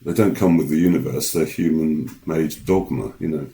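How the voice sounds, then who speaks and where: Deep-voiced, dark-toned man chatting. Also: normal speed, poor audio. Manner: rambling, with many ums and restarts. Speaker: podcast co-host. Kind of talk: casual chat. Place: podcast studio.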